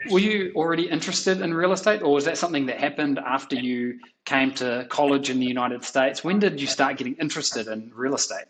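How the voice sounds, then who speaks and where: A man's voice: mid-range voice, a little fast, hardly any pauses, a bit bright, poor audio. Male podcast host, 30s, mid-range voice, conversational and anecdotal. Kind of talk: conversational interview.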